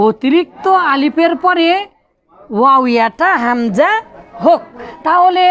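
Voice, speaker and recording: High-voiced animated man teaching grammar. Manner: animated, quizzing students, bursts of raised voice. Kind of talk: classroom lecture.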